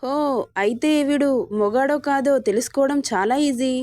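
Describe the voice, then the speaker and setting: A woman's voice: high voice, unhurried, a little mellow, no echo, clean studio sound. A woman voicing a vengeful young man who taunts and threatens his captive in a read-aloud story. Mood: taunting menace. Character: vengeful young man, hero, cold and menacing.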